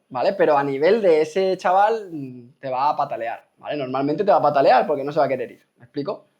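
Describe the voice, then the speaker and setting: A man's voice: on the high side, a little mellow, highs cut off. A man gives a casual spoken talk to his viewers, checking in often with rhetorical questions. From Spain. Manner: rhetorical, keeps asking "¿me explico?". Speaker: host.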